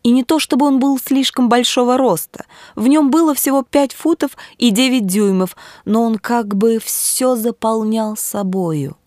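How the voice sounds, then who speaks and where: A woman narrates a literary audiobook in a measured, steady way. The recording is dry and close, with no room sound. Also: fairly high pitch, no room sound.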